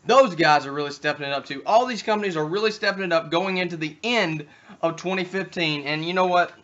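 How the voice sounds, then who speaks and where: A young man running his own wrestling talk show with a brash, bright, pushed voice that sits a bit high for a man. He swings from easygoing rambling into loud, trash-talking rants. The sound is dull and lo-fi, like a home recording. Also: a little fast. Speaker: talk show host, backyard wrestling persona.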